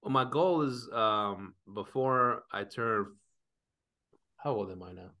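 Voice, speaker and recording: Bright-voiced man in his forties. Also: lowish voice, slow. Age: 40s. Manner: laughs easily, hesitant, rambling. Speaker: podcast co-host. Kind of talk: casual chat.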